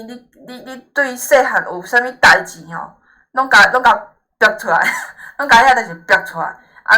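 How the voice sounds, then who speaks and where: Bright-voiced woman teacher with Taiwanese Hokkien accent. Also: mid-range voice, poor audio. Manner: frequent questioning tags and checks for agreement; encouraging, reassuring. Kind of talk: informal lesson, explaining to a student.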